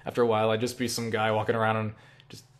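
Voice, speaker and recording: A young man with a lowish voice talks very fast as he answers viewer questions as an online creator. His manner is casual and rambling, self-deprecating, and dotted with animated asides full of acted-out quotes.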